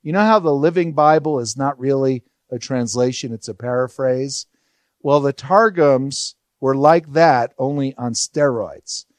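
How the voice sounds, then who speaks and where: A man's voice: medium pitch, a little slow, no room sound. A man teaching a Bible study verse by verse, explaining in a conversational way and asking rhetorical questions.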